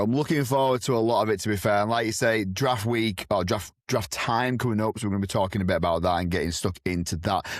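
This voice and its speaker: A man's voice: medium pitch, no echo, studio quality. A young man co-hosting a casual sports podcast from a kitchen, upbeat and teasing. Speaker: podcast co-host.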